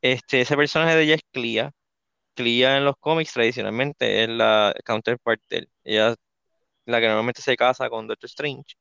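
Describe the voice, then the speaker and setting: Gravelly man on a dull mic. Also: mid-range voice, steady tone, moderate pace, sharp tone, no echo. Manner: explains comic lore in detail. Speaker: podcast co-host. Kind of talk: casual movie discussion.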